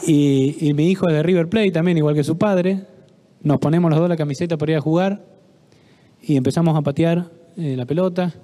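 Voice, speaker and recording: A middle-aged Argentine psychologist giving a talk at a parish, telling stories, acting out the dialogue and asking the audience questions. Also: male voice, on the high side, fairly quick, dark tone. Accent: Argentine Spanish. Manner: storytelling, acts out dialogue, asks audience questions. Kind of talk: conference talk with anecdotes. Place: parish hall.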